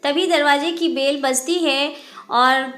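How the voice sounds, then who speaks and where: A woman narrating a scripted moral story in a steady, even storytelling manner. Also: high voice, takes it slowly.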